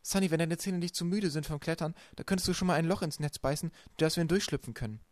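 A man reading an audiobook aloud and voicing a clever, practical teenage girl with a lifted, brisk, encouraging voice. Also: a little high, no echo, voice pushed up, natural voice. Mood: earnest.

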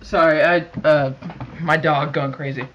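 A man making a prank call over the phone, chatting casually in a halting, repetitive way. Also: fairly high pitch, fairly even intonation, a bit bright, a little hiss or hum. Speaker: prank caller. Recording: dull lo-fi phone call recording.

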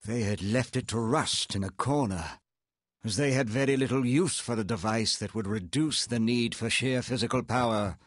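A man's voice: medium pitch, moderate pace, no room sound, close to an everyday voice. Guy reading as a haunted rich inventor guy from a game, formal n earnest storytelling, dry mic. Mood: wistful, regretful. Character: wealthy self-made male inventor, proud, regretful, haunted. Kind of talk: reading video game dialogue aloud. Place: indoor home streaming setup, close and dry.

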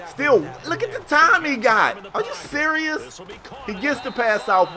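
With a high voice, an American man gives laid-back, slangy play-by-play of a sports video game. He narrates it in a lively, storytelling manner.

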